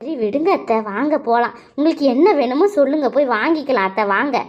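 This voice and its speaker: A woman voicing a gentle, polite young woman in a cartoon, speaking softly and kindly. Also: sits high, fast talker, lo-fi sound, slight background noise, close to an everyday voice. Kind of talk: cartoon voice acting.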